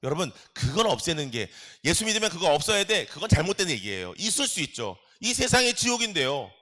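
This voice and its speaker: A middle-aged man preaches with a bright, forward tone and a voice that rises and falls freely. He pitches a little above the usual male range and keeps things animated and playful, calling out to his congregation with exclamations. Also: fast. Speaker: pastor. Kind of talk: sermon.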